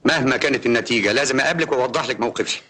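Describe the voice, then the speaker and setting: An actor playing a calm, polite gentleman who speaks soothingly on the phone, in a classic film. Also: mid-range voice, rapid-fire, husky. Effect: phone call. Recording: noisy old film soundtrack.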